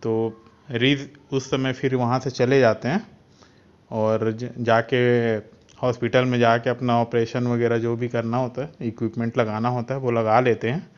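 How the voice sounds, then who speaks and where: Flat-voiced man retelling a film plot. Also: medium pitch. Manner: unhurried, halting retelling. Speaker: film channel host. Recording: dull lo-fi recording.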